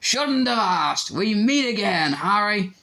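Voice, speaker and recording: A man's voice: mid-range voice, moderate pace, fairly bright tone, close to an everyday voice. A man reading an audiobook, voicing a vain, pompous and jovial grown-up teacher. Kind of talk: audiobook character voice.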